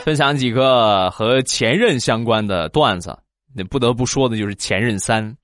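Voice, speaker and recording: A man telling comic anecdotes in a playful, lively storytelling manner. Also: mid-range voice, moderate pace, soft background music. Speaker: comedy storyteller.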